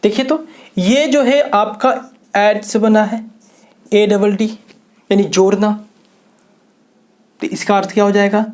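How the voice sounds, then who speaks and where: An English teacher from Bihar, India delivers a classroom-style video lecture in a high, steady, somewhat mellow voice, speaking slowly with frequent pauses. He spells words out letter by letter and poses rhetorical questions to viewers, then answers them himself.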